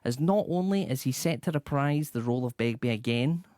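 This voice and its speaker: A man's voice: mid-range voice, lively intonation, fairly quick, darkish tone, dry recording. Man reading a dry career rundown. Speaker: presenter. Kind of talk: scripted rundown with chat.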